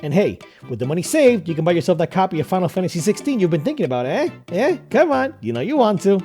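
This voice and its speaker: A man voicing a mysterious disembodied male voice that speaks out of nowhere and delivers a pushy, teasing sales pitch. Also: very animated, fast, mellow, faint music behind. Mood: salesy. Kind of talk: scripted ad read.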